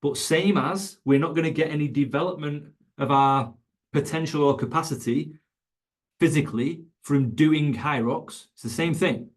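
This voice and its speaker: A man's voice: a little high, moderate pace. Emphatic man coaching coaches. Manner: emphatic, repeats points, conversational. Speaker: fitness coach educator. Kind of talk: online coaching webinar.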